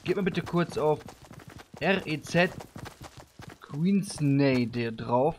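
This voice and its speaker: A man live-streaming a game, chatting with viewers in street slang and giving them playful orders, breaking into loud shouts. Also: on the high side, fairly even intonation, measured pace, a little hiss or hum. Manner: bossy playful commands to viewers; street slang, calls people bro. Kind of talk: live-stream gameplay chat.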